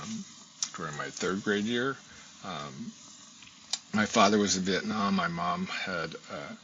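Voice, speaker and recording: A man in his sixties, a guest scholar from the United States, reflects on his story during an interview conversation, with many ums. His low voice has a sharp tone. The audio is dull and lo-fi with faint hiss.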